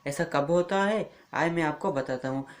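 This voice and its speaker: A man's voice: fairly high pitch, normal speed. A man teaching spelling rules in a spoken lesson, repeating each rule and asking and answering his own questions. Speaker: English teacher.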